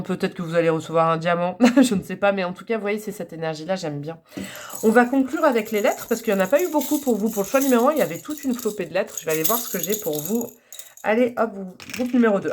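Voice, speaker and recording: A woman giving a casual tarot reading to camera, chatty and rambling, with frequent fillers and small laughs. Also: medium pitch. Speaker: tarot card reader.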